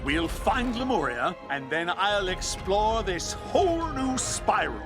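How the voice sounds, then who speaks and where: A man's voice: high voice, very animated, slow, music in the background, full character voice. A man playing a boastful old-fashioned explorer hero in a video game, pompous, theatrical and given to exclaiming. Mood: grand, adventurous. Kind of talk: video game character acting.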